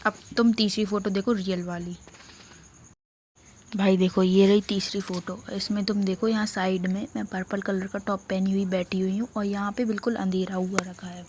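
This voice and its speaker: A young woman with a slight lisp, excitedly telling a story to her vlog camera in a chatty, animated way. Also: mid-range voice, slight background noise. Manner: excited, chatty, quotes her mom in lively voices. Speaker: vlogger.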